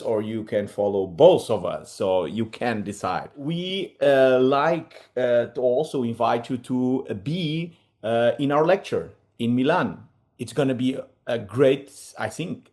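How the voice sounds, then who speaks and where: Relaxed dentist presenting. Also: male voice, medium pitch. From Portugal. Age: middle-aged. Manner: relaxed, many fillers, slightly non-native phrasing. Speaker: implant dentist, webinar co-host. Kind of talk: casual presentation.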